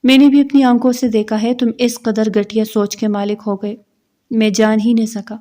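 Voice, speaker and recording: A woman's voice: on the high side, level tone, mellow, close to an everyday voice. A woman reading a story aloud, voicing a stern, commanding father. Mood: furious. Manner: firm, commanding. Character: stern fatherly older man, proud then furious.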